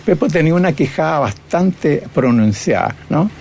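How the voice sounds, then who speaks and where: A man's voice: a little high, lively intonation, moderate pace, darkish tone, a little hiss or hum. An older man, a cartoonist and painter reflecting on his career in an interview, often tagging his phrases with "¿no?". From Chile. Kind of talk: reminiscing interview.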